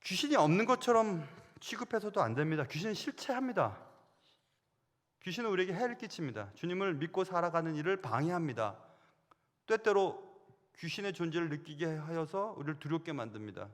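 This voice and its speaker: A middle-aged man preaching a sermon as senior pastor, telling stories animatedly. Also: a little high. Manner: animated storytelling, acting out quoted voices. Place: church sanctuary. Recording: long hall reverb.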